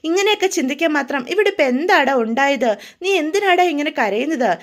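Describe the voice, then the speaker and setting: A woman's voice: high-pitched, animated, fast. A woman voicing a worried older father who keeps pressing his crying son to speak. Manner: insistent, coaxing questions.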